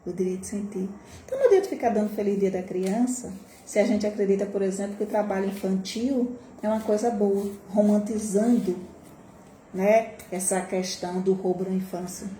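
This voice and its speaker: A Brazilian woman educator speaks in a live stream with a mellow, warm tone, pressing her points through rhetorical questions. Now and then she leaps into a sharp, high voice to mimic a scolding adult. The sound comes from an echoey room with a faint hiss underneath. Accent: Brazilian Portuguese. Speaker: early childhood educator hosting a live stream. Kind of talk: impassioned live-stream talk. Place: home room, recorded for a social media live.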